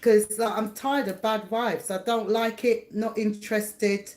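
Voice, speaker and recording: A woman's voice: medium pitch, fairly even intonation, measured pace, darkish tone. A chatty middle-aged woman hosts a casual live chat from her home, talking to viewers. She rambles, laughs often and greets people by name. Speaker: livestream host and psychic reader. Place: home, indoors.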